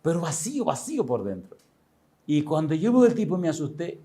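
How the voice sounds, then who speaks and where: A man in his sixties preaches by telling a story from his youth. His voice sits a little high for a man. He talks in an animated, chatty way and often chuckles along with his own tale. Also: fairly quick, breathy edge. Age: 60s. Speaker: pastor. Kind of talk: storytelling sermon.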